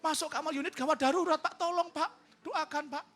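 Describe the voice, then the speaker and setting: A frantic mother begs for help in short, pleading bursts, as a preaching man puts her on. The voice is pitched far higher than his own, and it sounds bright and strained. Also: steady tone, a little fast. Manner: pleading, breathless repetition.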